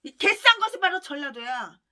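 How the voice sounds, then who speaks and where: A woman pastor preaching a fierce denunciation in a very high, piercing voice. Her pitch leaps wildly up and down, and her tone is bright and cutting. She rants relentlessly and breaks into shouts. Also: sing-song, normal speed. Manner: vehement, ranting, heavy name-calling, bursts of shouting. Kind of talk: fiery denunciatory sermon.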